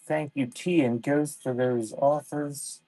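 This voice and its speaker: Selling cassettes on a live stream, a man speaks offhandedly and haltingly, thanking viewers by name. His mid-range voice is dark-toned with fairly even intonation, on a rough recording with no room sound.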